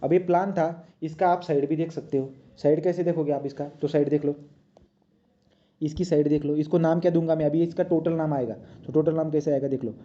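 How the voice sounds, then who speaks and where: Man teaching while drawing, dark lo-fi sound. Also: a little high, fairly even intonation, brisk. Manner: talks while drawing, many checks like "right?". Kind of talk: drawing lesson. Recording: dull lo-fi sound.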